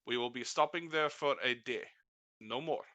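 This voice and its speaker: A man voicing a stern winged caravan leader who lays down the rules in a brisk, commanding way. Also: mid-range voice, sharp tone, no echo, close to an everyday voice.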